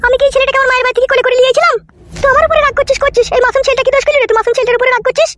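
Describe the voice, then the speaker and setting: A woman acts in a comic family sketch with a very high voice. She scolds and quarrels with rapid, dramatic delivery. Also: steady tone, fairly bright tone, soft background music.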